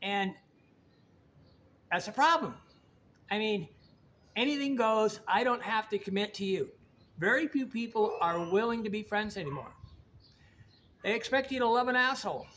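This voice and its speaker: A middle-aged man from Indiana with a high voice, talking in a loose, rambling monologue. He is blunt and folksy and stumbles over repeated words. Faint ambient noise sits behind him. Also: a bit bright. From Indiana, United States. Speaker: vlogger. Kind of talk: casual monologue to camera.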